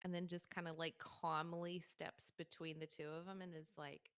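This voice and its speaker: A woman's voice: low voice, level tone, moderate pace, a bit bright, clear, resonant tone, no room sound, clean studio sound. A woman narrating her character in a tabletop role-play stream with wry humor.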